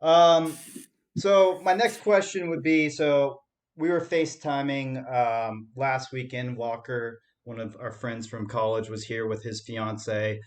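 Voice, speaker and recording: A man's voice: mid-range voice, steady tone, slow. Joking young man co-hosting a podcast. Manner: joking, laughs often. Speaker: podcast co-host. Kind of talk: casual comedic chat.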